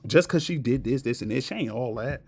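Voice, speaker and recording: A man's voice: medium pitch, lively intonation, brisk, a little mellow, slightly rough. A man imitating a scornful, jealous gossip who mocks someone for acting better than everyone. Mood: sneering. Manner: mocking, indignant, repetitive.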